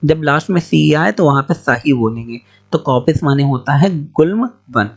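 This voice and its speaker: A man teaching English pronunciation in a spoken lesson, spelling words out letter by letter in a slow, explanatory way. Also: on the high side, expressive, vocal fry. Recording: dull lo-fi recording.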